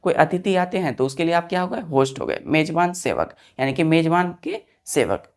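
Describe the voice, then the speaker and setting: A woman's voice: sits low, expressive, moderate pace, darkish tone. A woman teaching grammar to students, spelling words out letter by letter, repeating each answer and checking that they follow. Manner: keeps checking if students understood.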